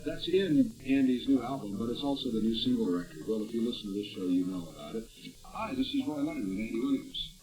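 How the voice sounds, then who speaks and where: A man with the smooth patter of a radio call-in host, talking fast with a lively, bouncing pitch. His voice sounds distant and roomy. Music plays clearly beneath him. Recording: roomy echo, distant mic, music underneath.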